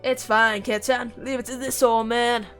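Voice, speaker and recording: A confident, bossy teenage girl who leads her class, played by a woman. She talks loud and commanding, slightly above her usual pitch, with soft music underneath. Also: flat delivery, normal speed. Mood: bold.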